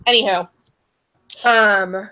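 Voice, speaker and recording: Bright-voiced chatty young woman. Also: mid-range voice, steady tone, slow pace. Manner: chatty, emphatic, with frequent "like" and "um". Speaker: podcast co-host. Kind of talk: casual chat.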